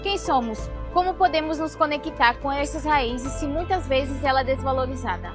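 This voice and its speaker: A Brazilian woman with a high voice reads scripted documentary narration. Her reading is earnest and steady, and loud music runs under her words. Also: moderate pace.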